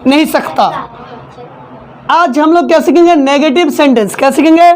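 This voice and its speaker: A woman's voice: high-pitched, normal speed, darkish tone. A woman teaching English in a classroom, repeating each point and having the class echo it back. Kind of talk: classroom lesson, call-and-response drilling.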